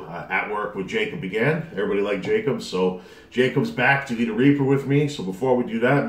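A man in his thirties with a slightly low voice hosts a casual vlog. He talks to a camera across the table, and the room is clearly echoey. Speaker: vlog host. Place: dining room at home.

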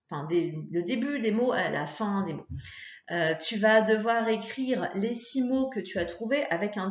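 A woman teacher talking young pupils through a phonics worksheet in a patient, encouraging way, with frequent fillers. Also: a little high. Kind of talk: recorded lesson for young pupils. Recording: echoey room, dull lo-fi sound.

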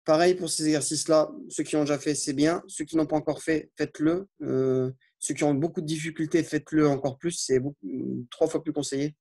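A man teaching an Arabic lesson, patiently walking through exercises and slowly spelling out Arabic words. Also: on the high side, fairly even intonation, mellow. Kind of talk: classroom lesson explaining exercises.

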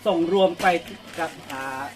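Over music, a man speaks at a measured pace as he packs fan orders outside a coffee shop. He's a vlogger giving casual live narration, adding polite particles to every phrase.

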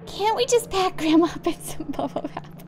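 A woman's voice: extremely high pitch, lively intonation, normal speed, background noise, pitched above the performer's own voice. A woman voicing a bored young boy in a game who complains in a whiny way.

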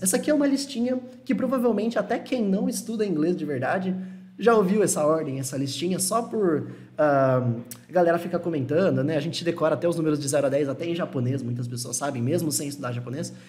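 A young man teaching an online lesson, relaxed and reassuring, repeating words slowly to model pronunciation. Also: a little high. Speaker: English teacher.

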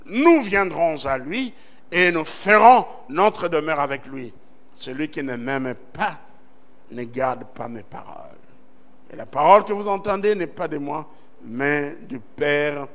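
During a church service, a male pastor from Central Congo preaches a Sunday sermon, reading scripture and building emphatic swells with call-and-response amens that rise as he stresses words. His voice is a little high, slightly bright, animated and slow.

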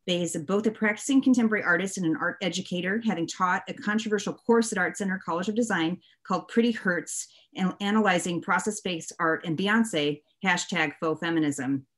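A woman instructor with a fairly low voice reads out a guest's biography at a steady, formal pace. She speaks from a home office on a video call. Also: a little fast, hardly any pauses. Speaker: course instructor introducing a guest. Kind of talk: reading a guest introduction.

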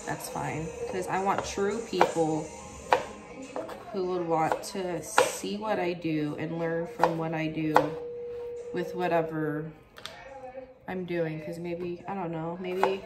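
A woman in her late twenties chats straight into her phone as she preps food at a small kitchen counter. She is blunt and casual and swears often. Music plays clearly under her voice. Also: fairly low pitch. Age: late 20s. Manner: blunt, profane, chatty. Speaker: vlogger. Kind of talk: casual vlog chat. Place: small apartment kitchen, indoors.

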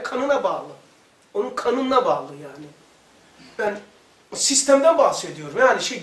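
A man with a very high voice gives an informal religious lesson, spinning colloquial, joking anecdotes and laughing at his own stories. He sounds well away from the mic, and his voice rings around an echoey room. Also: fairly bright tone, recorded from a distance. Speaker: religious lecturer.

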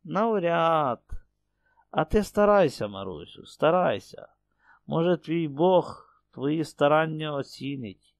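A man's voice: fairly high pitch, lively intonation, slow pace, creaky, no echo, full character voice. A man voicing a stern young husband who speaks curt and cold.

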